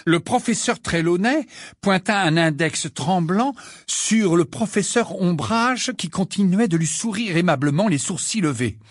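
A man's voice: high-pitched, expressive, measured pace, dry recording, clean studio sound. A man reading a novel aloud expressively, with an occasional filler. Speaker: reader.

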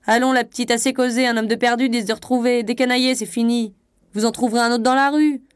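A woman's voice: a little high, steady tone, fast talker, clear, resonant tone, no room sound, clean studio sound, voice pushed up, lightly acted. A woman voicing a coarse, mocking male omnibus conductor who jeers rudely. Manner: jeering, rude.

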